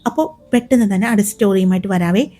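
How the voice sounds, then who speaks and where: A woman narrating a serialized romance story in a smooth, dramatic storytelling manner. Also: mid-range voice, fast, dark tone. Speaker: storyteller, channel host.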